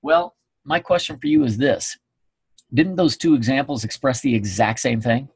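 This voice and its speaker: A man's voice: medium pitch, moderate pace, husky. A man giving a recorded sales training presentation, emphatic and coaching, checking in often with his listeners. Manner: emphatic, coaching, frequent "okay?" check-ins.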